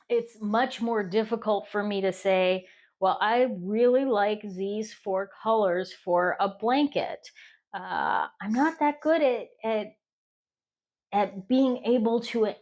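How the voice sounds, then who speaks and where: A middle-aged woman from the United States chatting casually on her crochet vlog, rambling with restarts and fillers. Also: mid-range voice. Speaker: crochet vlogger. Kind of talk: casual chat.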